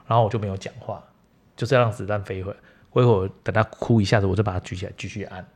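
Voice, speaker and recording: A man, hosting a podcast and telling lively stories from his massage practice. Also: on the low side, rapid-fire. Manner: lively anecdotal storyteller. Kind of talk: casual storytelling chat.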